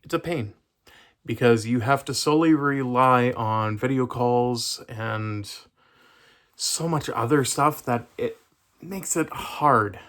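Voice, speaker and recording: A man's voice: medium pitch, takes it slowly, fairly bright tone. A young man talking casually to his camera, hesitant and rambling with many fillers. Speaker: vlogger.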